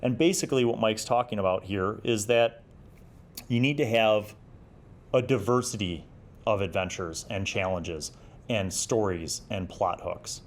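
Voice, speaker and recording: Speaking a little slowly in a lowish voice, a man in his forties reviews magazine articles on his tabletop roleplaying show. He reads passages and adds advice, sounding conversational, explanatory, and encouraging.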